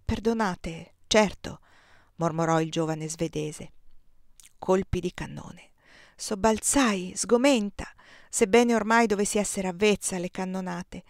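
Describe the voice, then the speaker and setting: Woman, audiobook reader, first-person narration, expressive, dry close sound. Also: mid-range voice, measured pace, no room sound. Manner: expressive, lively reading.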